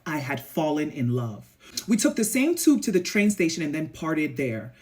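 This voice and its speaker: Woman doing a book club vlog, reads bits out then roasts the main character, pitch jumps all over. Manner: animated and sassy, talking straight to viewers. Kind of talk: casual book review vlog with read-aloud passages.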